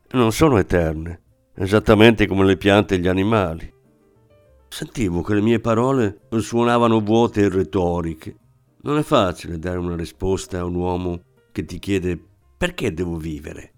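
A man reading literary fiction aloud in a measured, reflective manner, with faint music behind. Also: sits low, darkish tone. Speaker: audiobook narrator. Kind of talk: scripted literary narration.

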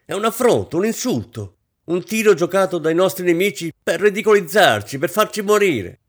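A man reading aloud voices an anxious wealthy hostess, a woman who talks in a frantic, high-strung way. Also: sing-song, a little fast.

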